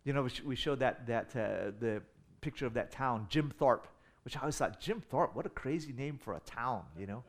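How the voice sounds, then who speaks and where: A man's voice: medium pitch, normal speed. A middle-aged man from the United States preaching a sermon, telling stories with humor and building in intensity. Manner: animated storytelling with humor, rising in volume for emphasis. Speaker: pastor.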